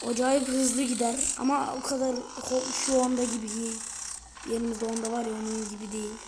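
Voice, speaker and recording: A woman with a somewhat high voice talks her way through a driving game in quick, chatty bursts, calling out to her viewers as she plays. Her tone is excitable and casual. Noisy game sound runs loud under her voice. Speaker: gaming video creator. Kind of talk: casual gameplay commentary.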